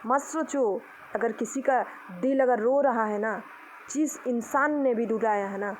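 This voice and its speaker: A woman's voice: fairly high pitch, measured pace, slight background noise, low-quality recording. A young woman from Odisha, talking outdoors to the camera in an impassioned vlog, indignant and scolding as she preaches to her critics. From Odisha, India. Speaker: vlogger.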